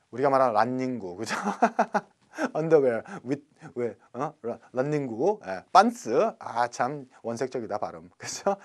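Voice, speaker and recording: Lively male English teacher. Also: medium pitch. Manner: playful, chatty, slowly spells out English words. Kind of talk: recorded classroom lecture.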